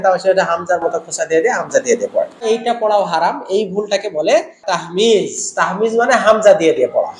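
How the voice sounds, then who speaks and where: A man's voice: high-pitched, fairly bright tone, reverberant, slight background noise. A man teaching Quran recitation in an online lesson, explaining each rule and chanting short examples.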